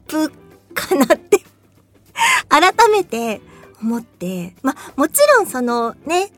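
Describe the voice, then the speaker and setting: A voice actress hosts her own talk show and chats casually on her own, laughing easily and occasionally acting out a scream. Her voice is husky and on the high side.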